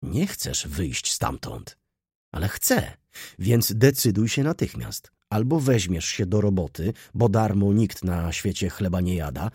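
A man's voice: on the low side, expressive, a little slow, darkish tone, slightly rough, dry recording, studio quality, exaggerated voice. A man voicing a brooding, stern middle-aged merchant who speaks in a grave, terse, commanding way.

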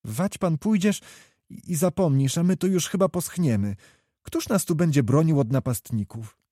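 A man's voice: a little high, expressive, moderate pace, dark tone, no room sound, studio quality, pitched above the performer's own voice. A man voicing a tearful young village noblewoman in a plaintive, raised voice.

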